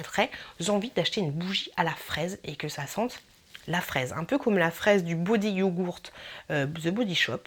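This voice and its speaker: A woman YouTuber talking through her wishlist in a casual vlog, chatty and playful, rambling with filler asides. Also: medium pitch.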